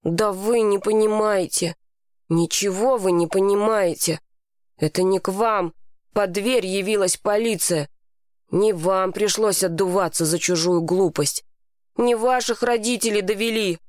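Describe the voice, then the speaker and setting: A woman's voice: medium pitch, a little slow, darkish tone, dry recording, studio quality, lightly acted. A woman voicing an angry, frightened boy who hisses accusations. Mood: bitter. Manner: hissing, accusing. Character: angry scared boy, fierce and resentful.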